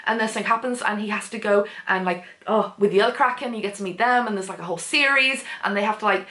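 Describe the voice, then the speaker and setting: A woman chattily recommending books, gushing and full of fillers with big swings in pitch. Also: fast talker, pushed and bright. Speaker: book vlogger. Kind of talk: casual book recommendations. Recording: echoey room.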